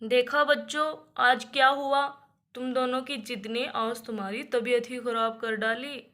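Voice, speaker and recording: A woman's voice: on the high side, steady tone, unhurried, bright, forceful tone, voice pushed down. A woman voicing a strict father who lectures his daughters in a doll story. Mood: stern. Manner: lecturing, firm.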